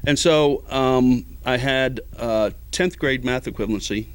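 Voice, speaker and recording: A middle-aged ski patroller tells stories in a casual interview, rambling with lots of fillers and acting out quoted voices. His mid-range voice is clear and resonant, and he speaks a little slowly.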